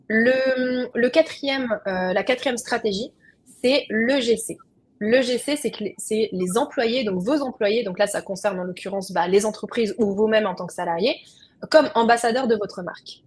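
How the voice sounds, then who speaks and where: A young woman presenting a webinar, her voice slightly husky and breathy at a middling pitch. She explains in a relaxed, conversational way and speaks straight to the people watching. It sounds like a computer mic on a video call. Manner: conversational, explanatory, addresses the audience directly.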